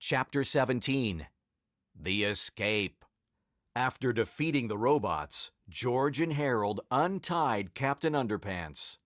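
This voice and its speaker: A man's voice: mid-range voice, slow, no echo, studio quality. Playful male storybook narrator. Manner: playful, expressive reading.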